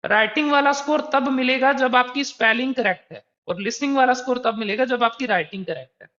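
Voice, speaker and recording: This man's voice is very high-pitched and sharp, and he talks a little fast. He's leading an exam prep lesson, recorded for online viewing, walking through worked examples in a patient, conversational way, on a dull, somewhat lo-fi recording.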